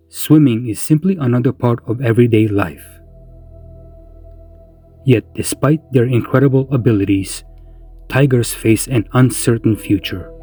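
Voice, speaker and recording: A male narrator with a dark, husky voice delivers scripted nature documentary lines. His phrasing is deliberate and solemn, at a mid-range pitch. Music plays behind him.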